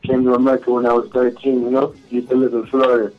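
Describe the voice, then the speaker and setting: A man's voice: medium pitch, completely flat delivery, quick pace, dull audio, faint music behind. A man from Jamaica with a Jamaican accent, a rapper and young label owner calling in, talking casual and slangy. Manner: laid-back slangy talk with "you feel me". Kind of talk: casual interview call-in.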